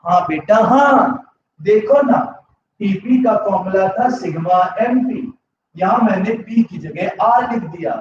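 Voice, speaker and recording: Expressive yet slow, a man with a high voice teaches over slight background noise. He is giving a live economics lecture online with a sore throat, using English terms here and there and asking his students yes-or-no questions. The sound is echoey, distant and slightly dull.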